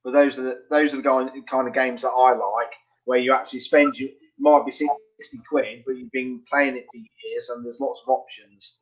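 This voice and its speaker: A man's voice: mid-range voice, flat delivery, moderate pace, hardly any pauses. A man chatting casually over a video call, repeating his words as his voice breaks up and drops out of the choppy stream. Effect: choppy online stream, voice breaking up and dropping out. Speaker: video chat participant. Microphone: video call microphone. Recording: dull lo-fi call audio.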